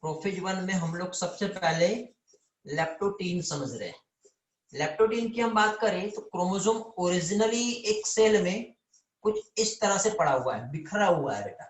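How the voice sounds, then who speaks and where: A man's voice: sits high, echoey room. A man teaching biology in a live online lecture, calling students "beta" and often checking whether they understand.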